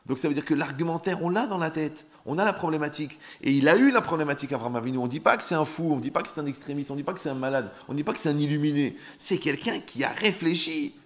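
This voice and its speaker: A man, a rabbi, giving an animated Torah class, joking and speaking directly to his listeners. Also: a little high, very fast, few pauses. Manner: joking, talks straight to listeners.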